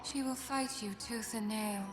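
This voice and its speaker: A woman voicing a serene, solemn spirit lamb of death, speaking in calm, measured, poetic lines for a video game. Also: fairly high pitch, lightly acted. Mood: solemn, cool. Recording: echoing game voice over loud music.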